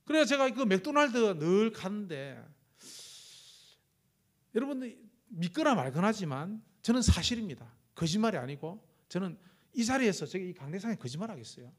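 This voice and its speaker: Missionary preacher, man, middle-aged; high voice, swings widely in pitch, storytelling sermon in a church. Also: moderate pace. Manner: lively storytelling, acts out his own and God's words. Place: church sanctuary.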